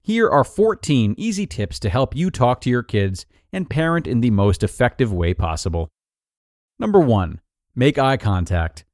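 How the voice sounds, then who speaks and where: A man reads a written piece aloud as scripted narration, moving through numbered tips in a clear, even delivery. His pitch rises and falls in a lively way. The sound is close and dry, with no room echo. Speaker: narrator reading an article aloud.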